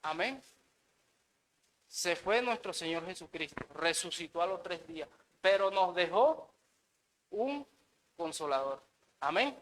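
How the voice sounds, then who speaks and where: Slow, bright-voiced preacher. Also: male voice, sits high, animated, rough recording. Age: adult, married. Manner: earnest, repeats words and says amen often. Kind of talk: sermon.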